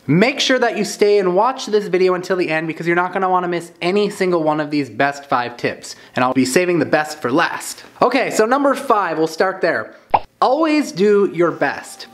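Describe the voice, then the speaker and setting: A young man talks straight to his viewers in a casual vlog, upbeat and chatty. His voice sits a bit high for a man, and he speaks into a phone used as a mic. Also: a bit bright. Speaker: vlogger.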